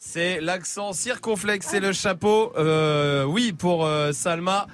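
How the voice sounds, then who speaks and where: A man hosting a radio quiz game, talking quickly and teasing the players, with lots of "euh" fillers. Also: sits high, fairly bright tone, soft background music. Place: radio studio.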